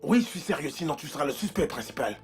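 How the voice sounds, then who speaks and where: An actor dubbing an anxious husband, talking urgently and repeating himself in a dubbed film. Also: male voice, a little high, very animated, fast, breathy edge, soft background music, exaggerated voice. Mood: insistent.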